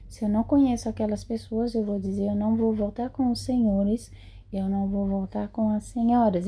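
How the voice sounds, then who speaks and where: A woman teaching French in a slow lesson, repeating model sentences carefully. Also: mid-range voice, warm tone, slight background noise. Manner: repeats phrases slowly and carefully. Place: lives in Europe.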